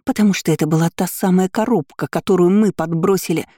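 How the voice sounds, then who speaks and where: A woman's voice: lowish voice, quick pace, no room sound, studio quality, natural voice. A woman doing a spoiled indignant noble girl. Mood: accusing. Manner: loud accusing.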